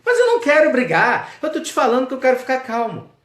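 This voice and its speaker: A man's voice: huge pitch swings, fast, full character voice. A man voicing an anxious young male disciple who pleads and grows exasperated. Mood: pleading. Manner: pleading, exasperated, high-strung. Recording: echoey with loud crickets.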